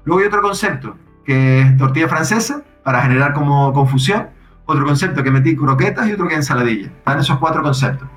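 Man explaining software, roomy sound. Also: on the high side, quick pace, faint music behind. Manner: relaxed, thinks aloud with restarts. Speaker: software developer guest. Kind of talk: casual explanatory chat.

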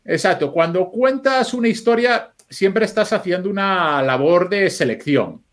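A man, chatting as a podcast guest. His voice sits a little high for a man. He rambles through anecdotes, swears freely and restarts his sentences as he thinks aloud. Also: expressive, a little slow. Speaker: film editor guest. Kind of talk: casual podcast chat.

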